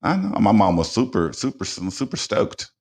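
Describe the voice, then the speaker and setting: Very deep-voiced man hosting talk radio. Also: sing-song, normal speed, a little mellow, breathy edge. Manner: rambling, frequent restarts and repeated words; blunt and informal. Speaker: radio show host. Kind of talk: casual talk radio chat.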